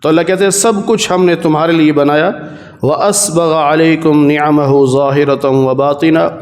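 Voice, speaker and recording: A man with a Pakistani Urdu accent giving a Quran commentary lesson, explaining verses plainly, repeating key points, and reciting Arabic verses slowly. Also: a little high, fairly even intonation, darkish tone. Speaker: Quran teacher.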